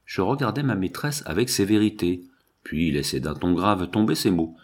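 A man narrates a novel in the first person, measured and expressive. His voice sits low and husky, and the melody swings widely as he tells the story. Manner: measured, expressive storytelling, slow at chapter headings. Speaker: audiobook narrator.

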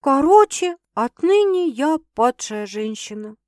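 A woman reading aloud puts on a flustered young woman confessing to her sister, sardonic and quick to swear. The voice sits fairly high and dry, close to the mic. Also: expressive, a little mellow, no echo. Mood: rattled. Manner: exasperated, sardonic retorts with profanity. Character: young woman Sasha, rattled, sardonic and embarrassed.

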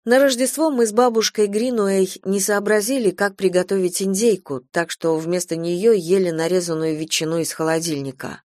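A woman reading a first-person story as an audiobook narrator, calm and measured, on a close mic. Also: mid-range voice, no echo.

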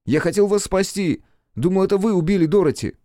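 A man's voice: high voice, fairly quick, dark tone, no room sound, studio quality, voice pushed up, close to an everyday voice. Mel, a man doing an agitated teenage boy. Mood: earnest, gloomy. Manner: raised, agitated, pleading. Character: upset teenage boy, earnest and jealous.

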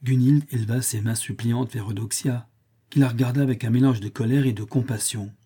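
A man narrating an audiobook in a measured, even reading. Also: mid-range voice, slightly rough. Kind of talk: scripted narration.

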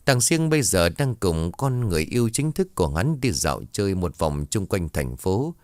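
A man with a deep, low voice narrating a ghost story, his pitch swinging widely as he tells it. The sound is dry and close, with no room around it. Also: big pitch swings, moderate pace, no room sound.

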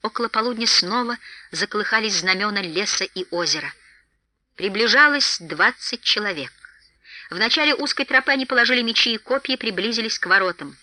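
A woman narrating an audiobook in an expressive storytelling manner. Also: medium pitch, fairly quick, no room sound. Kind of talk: scripted narration.

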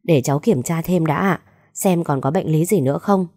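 A woman voicing a calm young woman doctor who explains things reassuringly. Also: deep voice, moderate pace, dry recording, clean studio sound.

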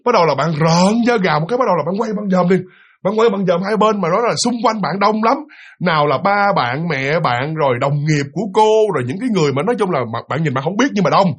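A man casually retelling a ghost story, animated and full of fillers and repeats, acting out the voices he quotes. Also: sits high, quick pace, husky.

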